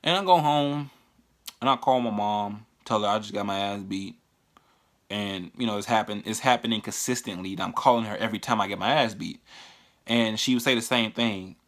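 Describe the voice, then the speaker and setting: A man's voice: lowish voice, fairly bright tone. A man casually telling a personal story on a vlog, swearing often and stumbling over restarts. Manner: profane, halting, with frequent restarts. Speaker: vlogger.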